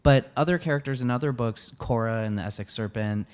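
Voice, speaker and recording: A man interviewing an author on stage, asking measured questions in a relaxed way. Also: medium pitch.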